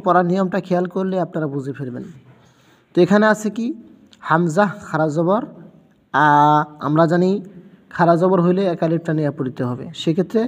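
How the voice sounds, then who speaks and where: A man's voice: high-pitched, in a large hall. A man teaching a Quran reading lesson, patiently spelling out letter sounds one by one and repeating them.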